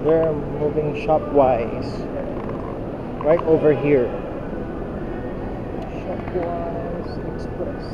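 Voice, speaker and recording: A man in his thirties narrates a walking vlog as he wanders a nearly empty shopping mall, holding an action camera at arm's length. His voice sits slightly high and comes across a bit dull and muffled. Loud air conditioning and ambient hum fill the background behind his rambling, halting commentary. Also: steady tone. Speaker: vlogger. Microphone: action camera held at arm's length.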